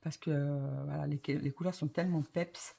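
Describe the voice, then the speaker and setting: A woman's voice: low-pitched, steady tone, normal speed, gravelly, warm tone. Woman rambling through a hobby vlog. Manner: rambling, many fillers and restarts, self-mocking. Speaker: vlogger. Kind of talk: casual chat to camera.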